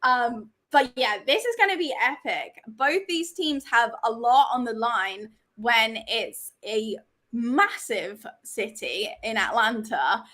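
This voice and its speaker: A woman's voice: a little high, expressive, slow, a bit bright. A woman co-hosting a women's soccer preview in casual chat, laughing easily and inviting viewer comments. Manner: chatty, laughs easily, asks for audience comments. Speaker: soccer show co-host.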